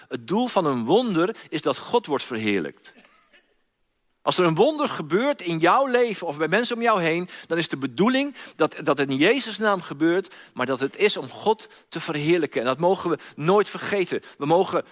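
A man preaching a sermon, retelling a story and acting out its cries, often repeating words as he goes. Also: fairly high pitch. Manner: storytelling, acts out quoted cries, frequent repeats. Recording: long hall reverb.

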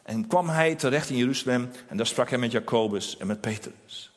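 A man's voice: mid-range voice, fairly quick. A man preaching a sermon in an earnest, emphatic way, repeating key phrases. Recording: long hall reverb.

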